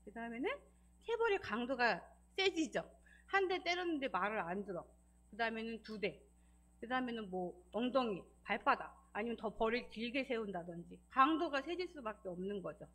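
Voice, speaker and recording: A woman's voice: on the high side, lively intonation, a little fast, fairly bright tone. A woman giving a church seminar lecture, explaining step by step, asking the audience questions and acting out parents scolding. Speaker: church lecturer on child abuse.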